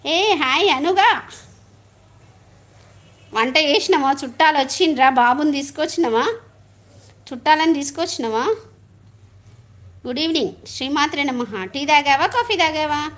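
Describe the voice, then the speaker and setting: A woman's voice: high voice, normal speed, long pauses, a bit bright. A middle-aged woman, chatting casually on a live stream, laughing often and greeting viewers.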